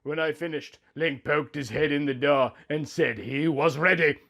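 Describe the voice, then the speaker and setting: A man voices a lovestruck young woman narrating her honeymoon as a swooning, melodramatic romance, reading it as overwrought romantic fan fiction in a dreamy, contented mood. His voice is on the high side, gravelly and fairly bright, at a moderate pace, with lo-fi sound.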